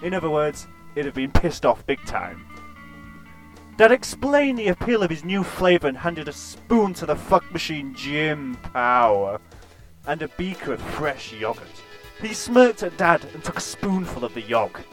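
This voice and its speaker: Male narrator, deadpan and crude, slightly high voice, soft music underneath. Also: measured pace. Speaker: storyteller. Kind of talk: absurd comic story narration.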